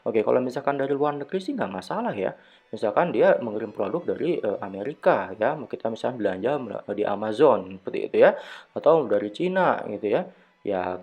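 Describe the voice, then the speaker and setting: Dosen pria bergaya santai dengan banyak "eee". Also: male voice, mid-range voice, a little mellow, breathy edge. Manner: conversational, many fillers and rhetorical questions. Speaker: university lecturer. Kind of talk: online lecture.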